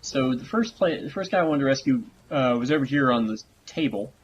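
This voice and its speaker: A man giving casual gameplay commentary, relaxed and rambling with frequent fillers. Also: medium pitch, brisk, a little hiss or hum. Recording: dull lo-fi recording.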